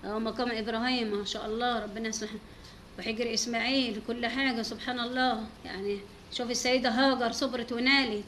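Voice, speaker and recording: A woman's voice: on the high side, fairly bright tone, slight background noise. An Egyptian woman giving an informal religious talk as a teacher, devout and full of pious exclamations.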